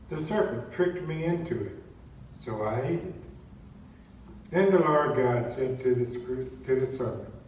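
Lector, male, mid-pitched, measured formal reading; cathedral echo, heard from across the church. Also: a little mellow. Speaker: lector and cantor. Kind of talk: liturgical reading and chanted psalm. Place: large church. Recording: echoey church, distant mic, faint noise.

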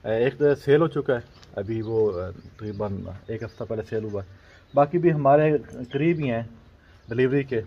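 A dairy farmer, explaining his heifer business in a steady, unscripted way with frequent hesitation sounds. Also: medium pitch, a little slow. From Pakistan. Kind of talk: unscripted interview answers. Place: outdoors at a farm. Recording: slightly dull outdoor recording.

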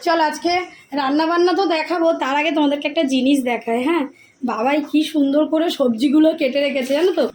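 A young woman chatting to viewers in a home vlog, her voice hoarse as she cooks in the kitchen. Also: high voice, quick pace, a little mellow. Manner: chatty, addresses viewers directly. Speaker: vlogger. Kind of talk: casual home vlog narration. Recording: echoey room with household noise.

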